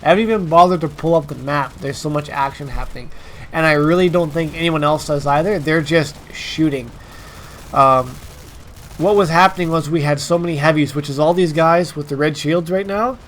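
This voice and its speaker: A man's voice: on the high side, normal speed, a little hiss or hum. A man with a congested, stuffed-up nasal voice from allergies, hosting informal, emphatic gameplay commentary straight to his viewers. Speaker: gaming video host.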